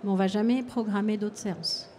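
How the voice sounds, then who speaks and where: A woman hypnotherapist giving a calm, explanatory public talk and answering audience questions at a fair. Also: medium pitch, fairly quick, a little hiss or hum.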